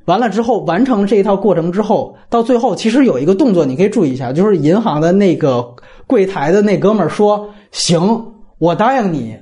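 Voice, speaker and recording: Animated man in a film-talk podcast. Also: high voice, quick pace. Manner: animated, explains at length, acts out quoted lines. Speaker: podcast host, film critic. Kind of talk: casual film discussion.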